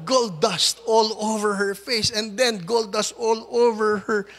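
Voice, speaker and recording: A Filipino man preaching, his voice unusually high and edged with a gravelly fry. It sounds bright and forceful. He tells a story and acts out both sides of the dialogue, dropping to a hush and then rising to loud preaching. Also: steady tone, unhurried. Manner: storytelling, mixing Tagalog and English, acting out dialogue; swings from hushed retelling to loud preaching. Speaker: pastor. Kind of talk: sermon.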